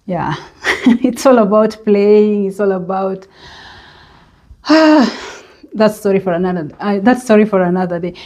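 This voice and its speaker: A woman with a Kenyan accent speaks in a relaxed, mellow voice at a middling pitch. She talks to her vlog audience in a reflective, searching way, often stopping on an "uh" or "um" before she goes on. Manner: unhurried and reflective, with many hesitant pauses and fillers. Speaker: vlogger. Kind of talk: reflective personal vlog monologue.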